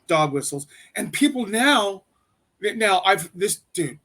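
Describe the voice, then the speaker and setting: This is a man with a fairly high voice, cutting into a casual podcast discussion with emphatic comments. He adds quick, pointed remarks to his co-host's points. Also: sing-song, a bit bright. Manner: jumps in with emphatic interjections. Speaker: podcast co-host.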